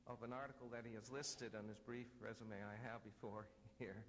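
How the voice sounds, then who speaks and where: A man's voice: fairly low pitch, steady tone, fairly bright tone. Dryly witty man at a conference podium. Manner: dry wry humor, measured delivery with self-corrections. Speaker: panel moderator and speaker. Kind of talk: academic panel introduction and lecture. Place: conference room. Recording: reverberant hall, faint ambient noise.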